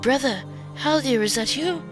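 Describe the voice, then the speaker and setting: A woman's voice: high voice, lively intonation, moderate pace, over music, voice pushed up. A woman reading the part of a wounded, grieving young woman who cries out and pleads. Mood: tearful.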